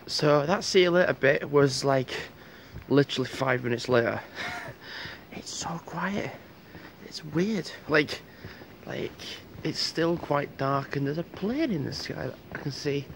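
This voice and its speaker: Strolling along a quiet predawn street, a young man vlogs casually, rambling and chatting to the handheld camera as he walks. His gravelly, medium-pitched voice has lively intonation at normal speed, captured in poor audio with a little hiss or hum.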